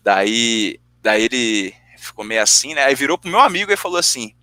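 A young man telling a story in casual chat, swearing often and acting out the arguments with animated quoted dialogue. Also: medium pitch, moderate pace, no echo. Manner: animated, profane storytelling, acts out both sides of arguments.

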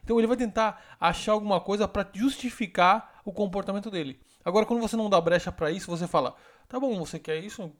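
A man who hosts a relationship advice podcast. He lectures emphatically and acts out example lines in a softer voice. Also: sits high, quick pace, hardly any pauses.

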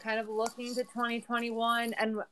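A woman's voice: on the high side, completely flat delivery, moderate pace, fairly bright tone. A woman co-hosting a podcast, talking off the cuff in casual chat. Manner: off-the-cuff, hesitant fillers. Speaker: podcast co-host.

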